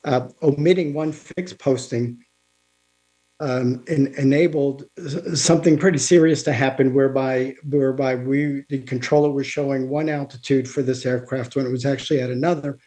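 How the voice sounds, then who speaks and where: Mellow-voiced man explaining technology. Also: medium pitch, fairly even intonation. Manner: halting, with frequent restarts and fillers. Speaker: guest speaker on aviation technology. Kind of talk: informal technical presentation. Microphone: remote video call.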